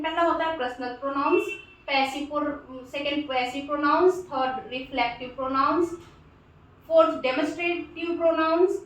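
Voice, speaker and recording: Woman teacher, high voice, patient and repetitive; mic set back in a very echoey room. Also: far from the mic. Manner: patient, repeats points with frequent "ठीक है"; slows down to spell out example sentences while writing. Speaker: English grammar teacher. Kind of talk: classroom-style explanation.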